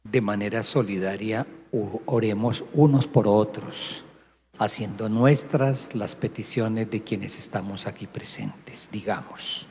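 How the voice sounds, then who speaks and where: Priest guy leading funeral prayers, slow and solemn, big cathedral echo with a faint hiss under it. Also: lowish voice, a little mellow. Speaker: priest presiding a funeral mass. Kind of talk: liturgical prayer. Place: large church. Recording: long church reverb, faint hiss.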